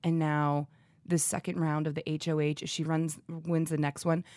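A woman's voice: low voice, little pitch movement, moderate pace, darkish tone, no room sound, studio quality. A woman co-hosting a casual podcast chat, confident and talking in long runs, with easy laughter. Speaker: podcast co-host.

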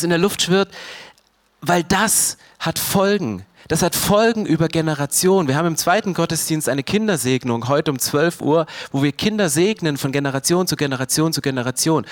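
A man preaching a sermon as pastor, animated, swinging between loud emphatic bursts and quiet low asides. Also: brisk, no echo.

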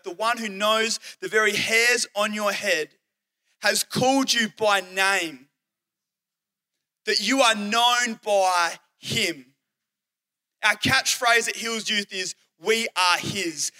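A young Australian man, a youth pastor and teacher, preaching earnestly and telling personal stories, slowing down to stress key lines. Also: high voice, bright, forceful tone. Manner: earnest storytelling, acts out quoted speech, slows for emphasis.

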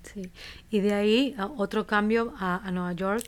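A woman's voice: medium pitch, steady tone, moderate pace. A woman hosting an interview podcast, guiding her guest through his story in a friendly, conversational way. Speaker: podcast host.

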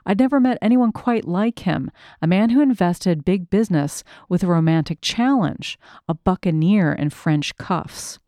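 A woman reading a first-person memoir aloud in a measured, reflective storytelling manner. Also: fairly low pitch, expressive, dark tone, no echo, clean studio sound. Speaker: narrator.

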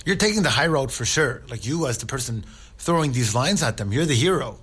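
An Islamic speaker gives an informal religious talk, earnest and conversational, often checking in with his listeners. His mid-range male voice is brisk and a bit bright, with lively intonation and a breathy edge.

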